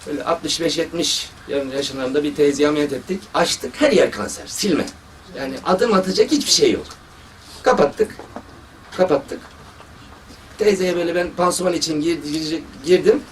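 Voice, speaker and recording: Brisk and a little high-pitched, this man is a surgeon offering a religious talk built on anecdotes from his work, with lively quotes from others. The recording comes from a distant mic, carrying faint noise behind him.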